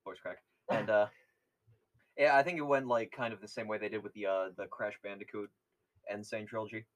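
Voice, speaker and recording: A man's voice: on the low side, steady tone. A young man co-hosting a podcast, telling chatty stories in casual talk. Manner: quick, chatty, nostalgic storytelling. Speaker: podcast co-host. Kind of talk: casual chat.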